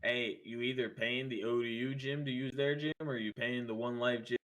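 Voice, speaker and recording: A man's voice: mid-range voice, steady tone, normal speed, fairly bright tone. A young man co-hosting a podcast, telling laid-back stories full of slang and acted-out quotes. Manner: laid-back storytelling with slang and mimicked voices. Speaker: podcast co-host. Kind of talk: casual chat.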